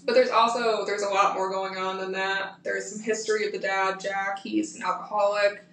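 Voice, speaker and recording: A woman co-hosting a podcast, explaining and recounting in a steady, casual way with occasional fillers. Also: medium pitch, moderate pace. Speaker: podcast co-host. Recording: echoey room, distant from the mic, faint noise.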